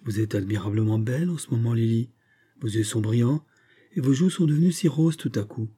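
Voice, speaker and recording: A man's voice: mid-range voice, brisk, slightly rough, close to an everyday voice. A man voicing an anxious, kindly young woman who gossips and fusses over her friend, in an audiobook reading. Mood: tender concern. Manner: fretful gossiping, gently fussing.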